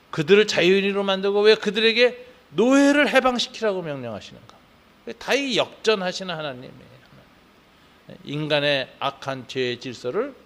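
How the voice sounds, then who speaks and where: A Korean pastor preaching at an early morning service, talking conversationally with frequent tag questions and rising into fervent emphasis, then leading prayer. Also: male voice, high-pitched, a bit bright.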